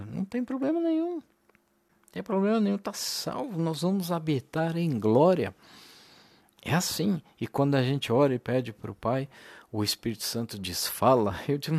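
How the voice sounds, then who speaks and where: A man's voice: medium pitch, creaky, a little mellow, breathy edge, dry recording. A male preacher giving a sermon in a conversational way, speaking directly to the congregation as brothers.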